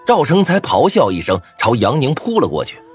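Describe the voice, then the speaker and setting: A man's voice: medium pitch, wildly swooping pitch, fairly quick, soft background music. A man narrating a first-person thriller story with a dramatic, swinging delivery.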